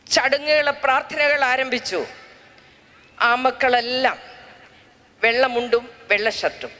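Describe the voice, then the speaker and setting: An older woman giving a humorous class, telling family stories in a lively, joking way and acting out the voices of the people in them. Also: fairly high pitch, in a large hall. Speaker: public speaker giving a class. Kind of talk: humorous storytelling talk.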